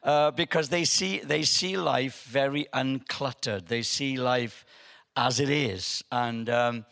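A man in his seventies giving a humorous storytelling speech to a live audience, hesitant with many ums but animated once the story gets going. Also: mid-range voice, slow pace, creaky. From Wales. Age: 70s. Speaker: guest speaker at an event.

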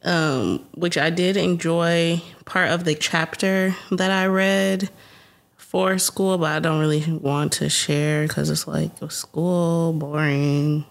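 A woman's voice: low-pitched, fairly even intonation, slow pace, gravelly. A young adult woman co-hosting a podcast in casual, teasing chat, laughing often. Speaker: podcast co-host.

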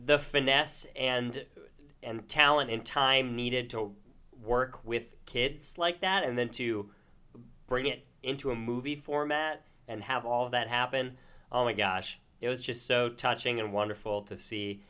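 A man's voice: medium pitch, steady tone, a little slow, sharp tone, clear, resonant tone. A man co-hosting a casual chat, enthusiastic and effusive, laughing often. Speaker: podcast co-host.

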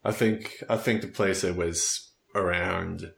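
A man from Sweden in his thirties, whose first language is Swedish, tells a podcast about himself in relaxed, off-the-cuff conversation with a Swedish accent. His voice sits low with vocal fry and a fairly bright tone, steady and slow.

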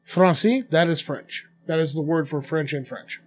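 A man's voice: on the high side, normal speed. A man co-hosting a casual podcast, making laid-back, dry remarks. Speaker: podcast co-host.

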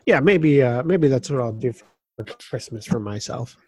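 A man's voice: medium pitch, animated, moderate pace, a little mellow, no room sound. Man, podcast co-host, casual chat, wry asides, dry sound.

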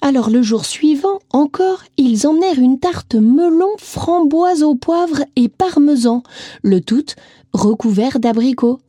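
A woman reading a storybook to children, gentle and lively, speaking straight to the young listener. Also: sits high, unhurried, no room sound, studio quality.

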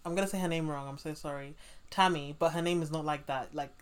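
Low-pitched woman host, chatty. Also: quick pace, clear, resonant tone. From London. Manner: animated storytelling, many fillers, quotes people. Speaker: podcast host. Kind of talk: casual interview chat.

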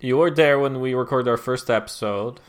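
A man's voice: medium pitch, moderate pace, clear, resonant tone. A man hosting a podcast who introduces a guest in an easygoing, hesitant way. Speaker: podcast host. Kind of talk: casual chat.

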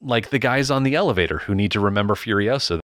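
A podcast co-host in casual chat, talking about a film trailer in a relaxed, rambling way. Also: mid-range voice, fast, no room sound, clean studio sound.

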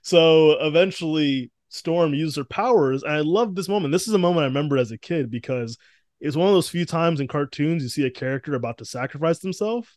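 Animated higher-voiced male podcast host. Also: a little fast, no echo, studio quality. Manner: animated, laughing, mimics characters in quotes. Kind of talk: casual chat.

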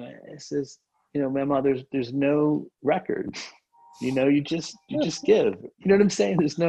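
A man's voice: mid-range voice, a little mellow, muffled recording. A man who grew up in Haiti, talking earnestly as a podcast guest about faith and generosity, full of fillers and restarts. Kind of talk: casual faith conversation.

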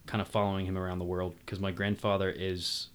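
Halting low-voiced man, rambling. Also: little pitch movement, clean tone. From England. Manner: rambling, halting, many restarts and fillers. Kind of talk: casual conversation.

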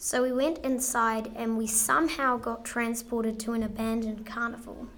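A woman's voice: a little high, fairly even intonation, moderate pace, fairly bright tone. A woman playing a young witness who snaps back while retelling a spooky event. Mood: defensive.

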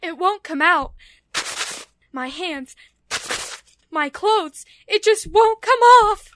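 A woman's voice: very high voice, expressive, takes it slowly, fairly bright tone, a little hiss or hum, exaggerated voice. A woman playing a guilt-wracked, distraught tragic woman, near tears, in a melodramatic parody radio commercial. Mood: frantic, anguished. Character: frantic, guilt-wracked woman in a mock tragedy.

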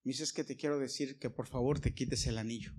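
A man's voice: medium pitch, fairly even intonation, fast, a little mellow, husky. A man preaching a sermon, telling anecdotes with quoted dialogue and direct asides to the congregation.

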